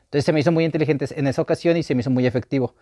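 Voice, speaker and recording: A young man with a Mexican accent chatting campily about a drag show, gossipy and expressive. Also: on the high side, racing, a little hiss or hum. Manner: campy, gossipy, expressive with big laughs. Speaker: drag reality show panelist. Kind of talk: casual chat.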